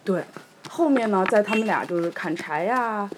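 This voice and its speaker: A woman retelling and discussing a folktale in casual chat, lively and animated. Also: mid-range voice, moderate pace, noisy background.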